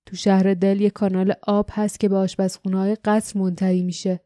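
A woman voicing an offhand male rebel leader in an audiobook, speaking briskly. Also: mid-range voice, flat delivery, warm tone, dry recording, clean studio sound, close to an everyday voice. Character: older male resistance leader, cool and offhand.

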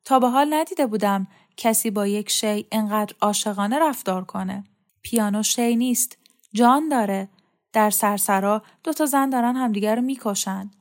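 A woman playing a calm bookish young man, measured, mildly ironic, storybook. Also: mid-range voice, lightly acted.

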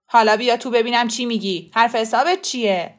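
A woman reading a storybook voices a scruffy, belligerent male caretaker who shouts hoarsely and talks rudely. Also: on the high side, lightly acted. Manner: rude, bullying.

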